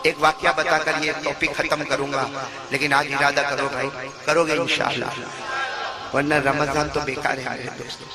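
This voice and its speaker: A man preaching an emotional religious sermon, calling on the crowd to answer him and rising to loud cries. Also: fairly high pitch, little pitch movement. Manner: calls on the crowd to repeat, rises to loud cries.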